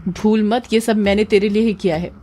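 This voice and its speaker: A woman's voice: mid-range voice, steady tone, brisk, mellow, slight background noise, lightly acted. A woman voicing a cackling, menacing witch. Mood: menacing, mocking. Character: cruel scheming witch mother-in-law, older woman. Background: faint background music.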